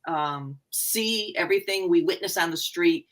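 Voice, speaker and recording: Bright-voiced woman rambling on a video call. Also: fairly low pitch, unhurried, poor audio. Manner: rambling, restarting sentences. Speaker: romance and mystery author. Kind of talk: casual video chat.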